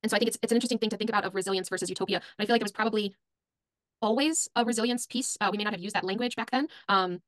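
A woman in her forties, a panelist, explaining ideas thoughtfully with many pauses on a video call. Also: medium pitch, dry recording. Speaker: panelist, biomimic. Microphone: laptop webcam video call.

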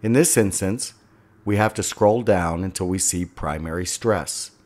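Low-voiced man narrating a software tutorial. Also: a little slow. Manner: step-by-step, instructional. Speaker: instructor.

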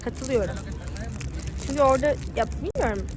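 A woman's voice: high-pitched, animated, brisk. A young woman in an informal, casual chat over a meal, often chiming in to agree. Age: young adult. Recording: noisy urban ambience with traffic.

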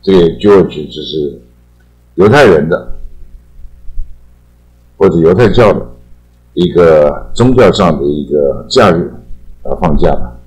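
An older man with a Taiwanese Mandarin accent, explaining English sentences in a chatty lesson and trailing his phrases with drawn-out particles. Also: deep voice, expressive, a little mellow, rough recording. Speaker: English teacher.

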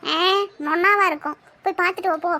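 A woman's voice: very high voice, quick pace, bright, forceful tone, full character voice. A woman voicing a nervous but bossy young village woman in a cartoon, scolding and fretful. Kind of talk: cartoon voice acting.

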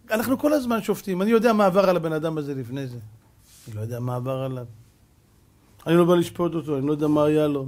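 A male rabbi giving a Torah lesson, telling stories in an animated way and acting out dialogue while he addresses his audience directly. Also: fairly high pitch. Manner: animated storytelling, acts out dialogue.

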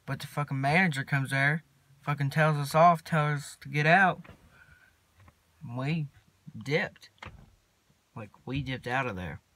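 A man's voice: medium pitch, a little slow, pauses often, a bit bright, dry recording. Mumbling teen boy, laid-back drawl. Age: teens. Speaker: vlogger. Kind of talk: casual rambling vlog. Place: inside a parked truck cab. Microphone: phone camera at arm's length.

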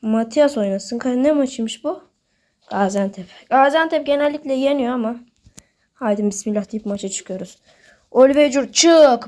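Excitable high-voiced woman commentating gameplay. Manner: excitable, scolds and curses at on-screen players; talks to viewers as friends. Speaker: gaming video host.

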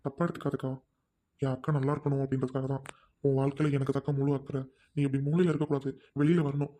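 A man's voice: mid-range voice, dark tone, lightly acted. A man playing a devoted, hot-tempered younger brother who urgently pleads with his widowed sister.

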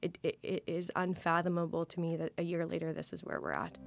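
A woman speaking as an interview guest, heavy-hearted and halting, repeating words as she searches for them. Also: fairly low pitch, very animated, creaky. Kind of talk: personal interview.

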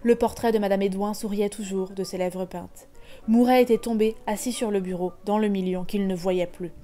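Warm woman reading a novel dramatically. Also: medium pitch, normal speed, faint music behind. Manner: expressive, dramatic. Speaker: reader.

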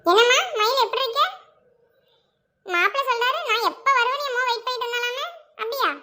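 A woman doing a brisk, bossy middle-aged mother, very high and bright voice, comedy sketch acting. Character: fussy middle-aged mother visiting her married daughter.

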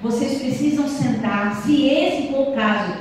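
This woman in her thirties has a high-pitched voice and speaks a little slowly, addressing married couples in an earnest church talk. She holds a handheld mic in a small church hall, and a far-off camera captures the echoey room along with slight background noise.

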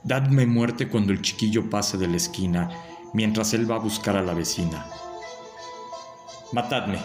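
A man voicing a condemned father facing death, grave, measured and calm. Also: fairly low pitch, close to an everyday voice. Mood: stoic. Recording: voice over loud music.

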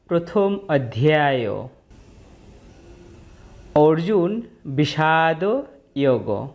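A woman teaching the pronunciation of Sanskrit verses, speaking slowly and deliberately and chanting each verse. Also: sits low, darkish tone. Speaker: scripture teacher.

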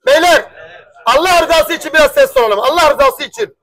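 A young man, working as a pigeon auctioneer. He calls out bids over and over, pleads for quiet, and his throat is strained from shouting. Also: very high voice, brisk. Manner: loud, repetitive price calling, pleading for quiet. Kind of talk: calling bids at a live auction.

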